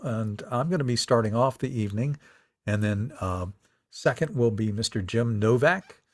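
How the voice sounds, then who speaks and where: A man from Virginia hosting a songwriter showcase over a video call, talking casually and rambling with lots of fillers. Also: fairly low pitch. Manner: rambling, filler-heavy, soft-spoken asides. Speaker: songwriter association president and show host. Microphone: computer mic on a video call. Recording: long reverb on the voice.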